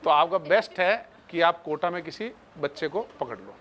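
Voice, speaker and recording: A man with a slightly high, fairly bright voice teaches chemistry expressively at a moderate pace. His casual, chatty classroom talk treats his students like friends, and there's a little hiss or hum in the audio.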